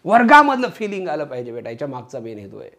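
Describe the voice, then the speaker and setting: A male teacher giving a chemistry lecture to students. He drills them in a loud voice and chants the names of compounds in a sing-song way. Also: a little high, wildly swooping pitch, fast, creaky.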